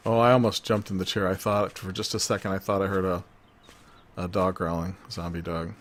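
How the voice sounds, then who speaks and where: A man's voice: low voice, little pitch movement, a little fast, slight background noise. A man hosting a let's-play gaming video, rambling and joking to himself as he plays.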